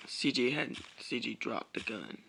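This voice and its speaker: Gravelly man telling a casual story. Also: mid-range voice, expressive, very noisy. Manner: casual, drawn-out, addresses listeners as y'all. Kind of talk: casual, improvised story narration.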